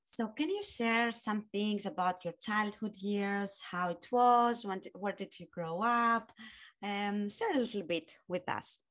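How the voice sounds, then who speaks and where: A woman co-hosting a podcast who reads the show intro and asks the guest questions clearly. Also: medium pitch, a little slow, fairly bright tone, no echo. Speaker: podcast co-host. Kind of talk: scripted podcast intro and interview.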